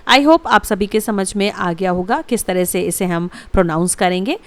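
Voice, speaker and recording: A woman with a mid-range voice gives a slow, explanatory English vocabulary lesson at normal speed, saying each word, spelling it letter by letter, then repeating it. There's no room sound.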